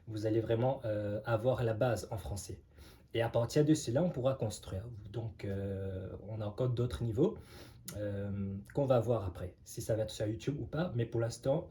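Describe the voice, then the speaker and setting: Slight background noise sits behind this man's medium-pitched voice as he teaches French in a casual online lesson. His explaining is relaxed and conversational, hesitant, and full of filler sounds.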